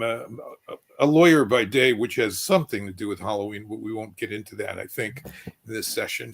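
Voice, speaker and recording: Gravelly low-voiced man. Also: fairly bright tone. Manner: wry, hesitant. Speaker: lawyer and anthology editor on a panel. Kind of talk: panel self-introduction.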